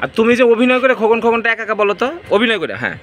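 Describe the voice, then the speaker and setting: A man's voice: very high voice, big pitch swings, racing, a bit bright, soft background music. A man, a father filming his children and playfully coaxing them to recite and pose. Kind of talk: casual home video.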